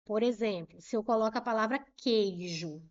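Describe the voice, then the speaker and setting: A woman teaching Portuguese grammar with a Brazilian accent, spelling out letter pairs and repeating words slowly to show how they sound, checking in with short questions. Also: medium pitch, muffled recording. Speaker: Portuguese teacher for civil service exams. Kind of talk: explaining grammar at a whiteboard.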